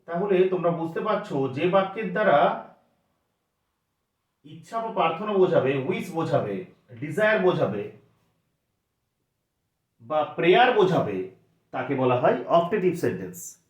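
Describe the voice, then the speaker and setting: A man with a slightly high, very animated voice teaches grammar for exam preparation, moving at a measured pace with long pauses. He explains step by step, posing questions to students and answering them himself, in an echoey, dull lo-fi recording.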